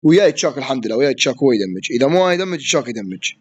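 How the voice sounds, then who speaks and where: A man with an Iraqi Arabic accent giving live gameplay commentary, excitable, yelling at opponents and swearing as he plays. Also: mid-range voice, rapid-fire, dull audio. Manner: excitable, yells at opponents and swears mid-play. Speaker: gaming streamer.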